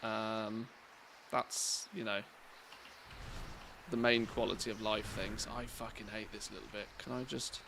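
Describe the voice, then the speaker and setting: A man streams a game, chatting casually with viewers, complaining about the game, and drifting into rambling stories. His voice is on the low side with vocal fry and little pitch movement, delivered at a measured pace. There's noise in the background.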